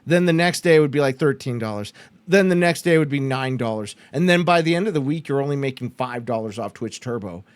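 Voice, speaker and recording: A man's voice: medium pitch, quick pace, clear, resonant tone, no room sound. A man from Canada hosting a podcast, chatting casually with fillers and restarts. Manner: mocks others with put-on excited voices. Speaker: podcast host. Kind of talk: casual chat.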